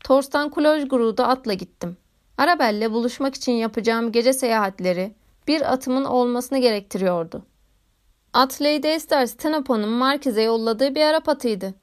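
High-pitched woman narrating a novel. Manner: measured, literary reading. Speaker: audiobook narrator. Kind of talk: scripted narration.

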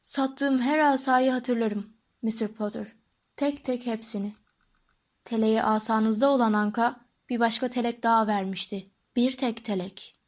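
Eccentric old wandmaker man, read by a woman, hushed murmuring delivery, fairly high voice, dull lo-fi sound, audiobook. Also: fairly even intonation, measured pace. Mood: hushed, musing. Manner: soft murmuring, slightly lowered voice.

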